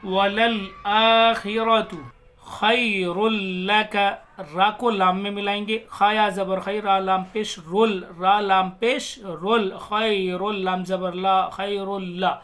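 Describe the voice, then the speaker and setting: A man with a fairly high voice teaches Quran reading at a slow, patient pace. He spells out letters and vowel marks one by one, then recites each word in a long, drawn-out way. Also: level tone, a bit bright.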